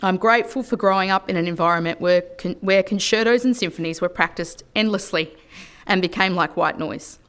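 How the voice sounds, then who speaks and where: An Australian woman politician delivering a formal parliamentary speech in an earnest, measured way at a lectern microphone in a legislative chamber. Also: on the low side, a bit bright, clear, resonant tone.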